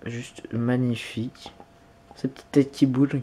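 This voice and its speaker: A man's voice: mid-range voice, little pitch movement, a little slow, warm tone, slight background noise. Gushing man unboxing on camera. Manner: enthusiastic, gushing with frequent exclamations. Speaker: YouTuber. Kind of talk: unboxing vlog.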